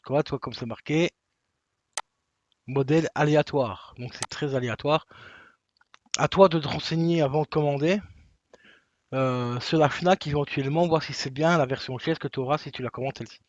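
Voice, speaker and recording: A man's voice: a little high, normal speed, pauses often, no echo, dull audio. A man comparing collectible figure prices online in a casual, rambling way, with many fillers and restarts. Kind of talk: casual screen-recorded walkthrough.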